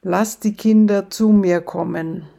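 A laid-back, calm man with a sly edge, as a woman telling a joke lowers her voice for him talks slowly and evenly. Gravel runs through the measured delivery.

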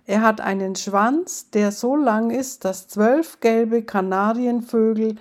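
A woman's voice: a little high, slow, darkish tone, pitched above the performer's own voice. A woman reading as Blossom, a cheeky wife. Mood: sly. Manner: sly, confessional. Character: cheeky wife of a poor man, sly.

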